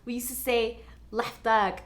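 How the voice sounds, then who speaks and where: A woman's voice: high voice, expressive, brisk, very noisy. A young Moroccan woman, an Arabic speaker, explaining phrases in a casual indoor chat. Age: young adult. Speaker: guest teaching Moroccan Arabic. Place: plain room indoors.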